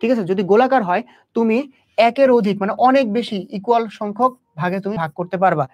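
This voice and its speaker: A young man with a high, slightly mellow voice tutors biology at a quick pace in an exam-prep lecture. He speaks directly to the student in a quizzing style, posing questions and answering them himself. The audio is dull and lo-fi.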